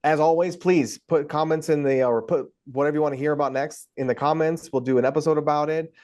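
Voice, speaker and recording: A man's voice: on the high side, fairly even intonation, fast, darkish tone. A man co-hosting a casual podcast, talking with enthusiastic, gushing praise. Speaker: podcast co-host.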